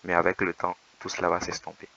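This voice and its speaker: A man with a low, creaky, fairly monotone voice gives patient voice-over advice as a dating coach. His tone is bright and edgy despite the depth, and the recording sounds a little dull and lo-fi. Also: background noise. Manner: measured, reassuring, explanatory. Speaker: dating coach commenting on footage. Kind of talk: calm voice-over commentary.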